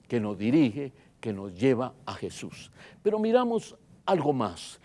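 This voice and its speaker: A pastor preaching a sermon, emphatic and dramatic, swinging between loud and soft and repeating phrases for emphasis. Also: male voice. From Guatemala. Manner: emphatic preaching with wide swings in loudness and pitch.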